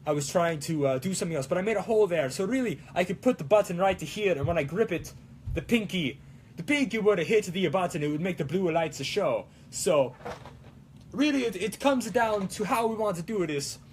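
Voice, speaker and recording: Hosting a livestream while crafting, a man rambles casually in a playful, theatrical style, using a put-on, wavering Italian accent and scattering mock-Italian exclamations. His voice is high-pitched, animated and a little fast, with slight background noise.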